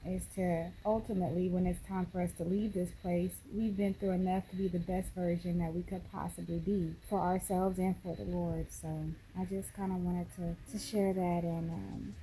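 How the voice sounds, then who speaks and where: A woman's voice: fairly low pitch, little pitch movement, normal speed, few pauses, dark tone, a little hiss or hum, low-quality recording. A young American woman rambling casually to her vlog, talking with a sore, swollen jaw. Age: young adult. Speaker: vlogger. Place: at home and in a parked car. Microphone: phone at arm's length. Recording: music playing behind the voice.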